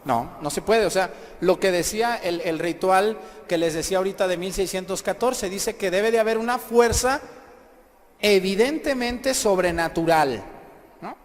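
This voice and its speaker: A man's voice: sits high, moderate pace. A man, a priest giving an emphatic sermon and questioning the congregation. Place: church. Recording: echoey hall, faint background ambience.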